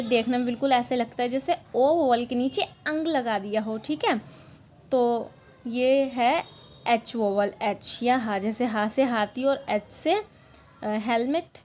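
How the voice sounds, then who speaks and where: A young woman, explaining a language lesson patiently, often pausing to check that it's understood. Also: on the high side, darkish tone, slight background noise. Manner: patient, repeats points, often asks "okay?". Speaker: language teacher.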